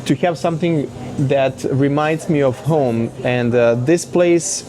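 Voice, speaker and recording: A man in his thirties from Serbia, speaking as a café-owner guest in a casual interview, pausing often with fillers. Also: mid-range voice, over music. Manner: hesitant, many fillers.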